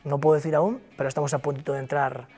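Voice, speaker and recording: Though his delivery is flat, this fast-talking interview guest speaks emphatically, repeating himself to motivate. He's a broker company founder from Galicia, Spain, with a Galician Spanish accent. His voice is on the high side with a dark tone.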